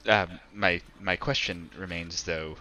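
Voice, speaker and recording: Deep-voiced man running a tabletop game. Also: steady tone, slow, pushed and bright. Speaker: game master. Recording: dull lo-fi audio.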